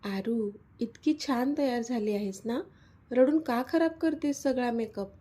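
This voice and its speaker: A woman's voice: a little high, a little slow, dark tone. A woman voicing a playful young man who teases his partner, in a storybook reading. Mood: coaxing. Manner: teasing, coaxing. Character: teasing young man, playful then hurt lover.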